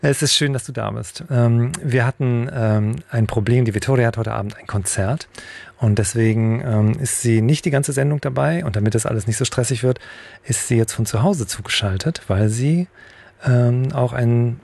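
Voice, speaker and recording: A man's voice: mid-range voice, normal speed, gravelly, darkish tone, dry recording. A man hosting a radio talk show, chatting loosely with many fillers. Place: radio studio.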